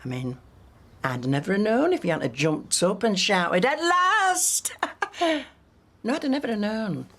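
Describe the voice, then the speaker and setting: An actress playing a blunt, teasing working-class wife in a TV soap. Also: female voice, medium pitch, very animated, normal speed, breathy edge. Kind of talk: soap opera acting.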